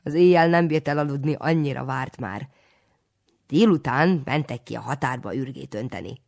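A reader voicing a fussy, doting elderly village aunt who calls out and scolds in a high, shrill voice. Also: vocal fry, darkish tone, close to an everyday voice. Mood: scolding.

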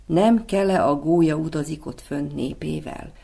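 A man reading the lines of a tender, worried little female swallow, the wife, in a storybook, softly and gently. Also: fairly high pitch, creaky, husky.

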